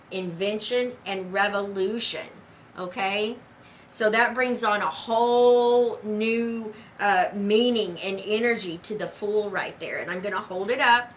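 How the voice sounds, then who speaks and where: A woman teaches tarot in a loose, chatty online lesson. She talks at a mid pitch and keeps checking in with "okay?" after her points. A faint hiss of background noise sits under her voice. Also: fairly bright tone, poor audio. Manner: talkative, says "okay" after most sentences.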